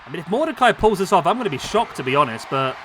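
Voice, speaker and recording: His slightly high, hoarse voice racing along, a gaming YouTuber delivers excitable, exclamation-filled play-by-play of a simulated wrestling match while losing his voice. The recording is noisy, with clear background noise beneath him.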